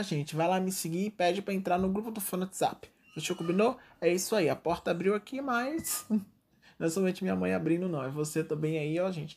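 A man's voice: sits high, vocal fry, darkish tone, breathy edge. A man hosts a fan page and chats playfully with his viewers about celebrity news. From Brazil. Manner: chatty, playful, addresses viewers as gente. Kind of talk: casual celebrity gossip commentary.

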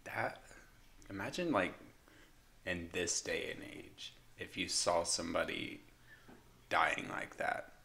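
Very low-voiced young man, slow and hesitant. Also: vocal fry, pushed and bright, a little hiss or hum. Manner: hesitant, explains with fillers. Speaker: podcast co-host. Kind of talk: casual chat.

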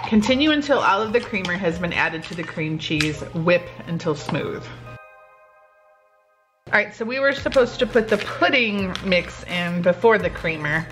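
A woman in her forties with a lowish voice and lively intonation speaks at a moderate pace over music. Hosting a home cooking vlog, she chats informally and gives recipe instructions in her home kitchen with a teasing, casual manner.

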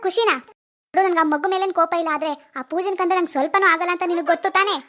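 Bossy, snobbish cartoon mom, woman's voice, loud and condescending. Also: very high voice, fairly even intonation, rapid-fire. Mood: scornful. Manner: sharp, scolding, condescending. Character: snobbish middle-aged mother, scolding and bossy.

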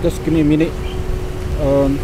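A middle-aged man with a Singaporean accent gives an informal Singlish product demonstration in halting, deliberate phrases, recorded outdoors on a small camera. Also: a little high, flat delivery. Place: outdoors by a car park and exhibition centre. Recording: noisy outdoor recording with traffic ambience.

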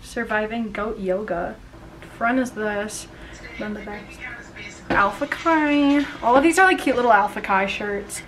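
A woman's voice: mid-range voice, unhurried, a bit bright, slight background noise. A young woman with a bubbly, gushing sorority-girl manner, chatting casually for a vlog. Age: young adult. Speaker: vlogger, college sorority member.

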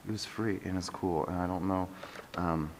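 A young man vlogging quietly to a handheld camera inside a large museum hall, half-whispering with wry remarks. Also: low-pitched, steady tone, normal speed, a little hiss or hum. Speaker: travel vlogger. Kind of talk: hushed vlog narration in a museum. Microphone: handheld camera at arm's length.

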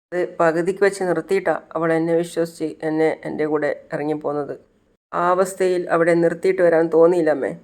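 A man's voice: a little high, a little mellow, natural voice. A man doing a young son pleading with his mother. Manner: pleading, apologetic.

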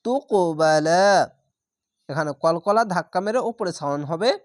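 A Quran reading teacher who spells each word out syllable by syllable and then chants it slowly, with calm explanations in between. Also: medium pitch, dry recording, studio quality. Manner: calm instructive explanations between recited words. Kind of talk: step-by-step recitation lesson.

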